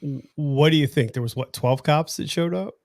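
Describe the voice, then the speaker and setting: A man hosting a casual livestream, telling a story in an animated, joking way. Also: a little high, no echo. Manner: animated storyteller, quick jokes and laughs. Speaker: livestream host.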